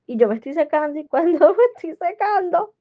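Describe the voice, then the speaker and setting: A woman's voice: high-pitched, expressive, a little fast. Chatty young coastal woman, tinny. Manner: chatty, rambling, laughs while telling. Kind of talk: casual storytelling voice message. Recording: tinny phone-like audio.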